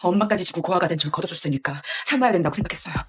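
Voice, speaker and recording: A woman's voice: lowish voice, expressive, very fast, slightly rough. An actress voicing a wronged, grieving young pregnant woman who defies her family in a dubbed TV drama. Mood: defiant, grieving. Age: young adult. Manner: tearful, pleading defiance. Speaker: pregnant niece.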